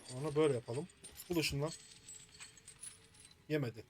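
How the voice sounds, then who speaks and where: A man's voice: on the high side, moderate pace, darkish tone, a little hiss or hum. A man commentating his own video game play, muttering to himself in frustration as he works through a puzzle. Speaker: gaming streamer.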